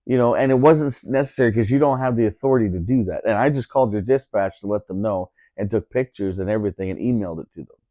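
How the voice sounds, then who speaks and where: A man's voice: lowish voice, fast, dark tone, no echo. A man telling a story in a casual podcast chat, indignant, repeating himself with lots of fillers.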